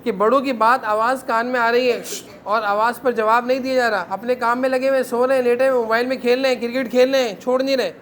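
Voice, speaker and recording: A man's voice: very high-pitched, fairly even intonation, a bit bright, a little hiss or hum. A man teaching a class of children at a madrasa, sternly correcting them and making them answer together.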